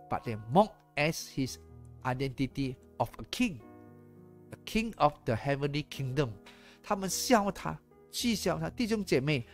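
Male pastor, gravelly tone, preaching with faint music behind. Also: a little high. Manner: animated, mixes in English phrases, rhetorical questions. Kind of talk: sermon.

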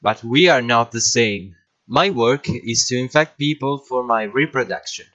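Guy playing a cheeky cartoon virus bad guy, explains itself straight to the listener, medium pitch, educational script. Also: measured pace, a bit bright, highs cut off, lightly acted. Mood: cheeky, explanatory. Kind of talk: scripted first-person educational narration.

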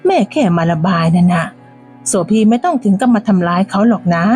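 A woman reading a scripted moral tale in a calm, even storytelling manner. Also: medium pitch.

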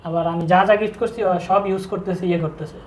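A young man with speech, telling his own story in a halting, subdued way with frequent restarts. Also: sits high, fairly even intonation. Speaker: interview guest telling his breakup story. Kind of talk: casual personal storytelling. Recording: echoey room with faint background noise.

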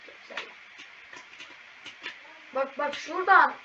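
A woman commentating a video game as she plays, excitable and exclaiming at every fail and win. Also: high voice, takes it slowly. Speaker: gaming channel host. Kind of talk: live gameplay commentary. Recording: distant, muffled mic with loud background noise.

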